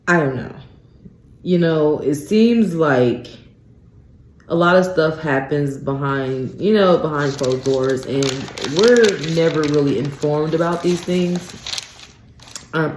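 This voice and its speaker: Woman radio host, solo talk commentary, unhurried delivery, incredulous ranting, roomy echoey studio. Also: low-pitched. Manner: incredulous ranting, peppered with "you guys" and "um".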